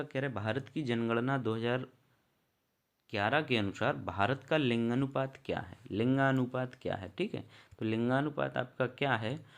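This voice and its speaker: A man's voice: medium pitch, creaky. A man teaching an online exam prep lesson, reading out questions and explaining answers in a casual, chatty way. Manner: reads questions aloud, then explains answers and addresses viewers directly; casual, chatty, calls viewers brother and friend.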